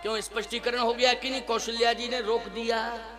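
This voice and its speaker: A man's voice: extremely high pitch, level tone, brisk. A man preaching a devotional sermon, asking the audience rhetorical questions and chanting scripture verses. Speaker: spiritual preacher. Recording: music playing behind the voice.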